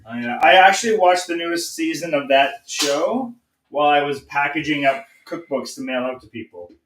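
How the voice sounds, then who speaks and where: A man's voice: on the high side, normal speed, fairly bright tone. A man hosting a live cooking stream from his home kitchen, talking casually and rambling as he works. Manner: chatty, rambling, self-correcting. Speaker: cooking show host. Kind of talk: casual live cook-along chat. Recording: echoey kitchen with noisy background.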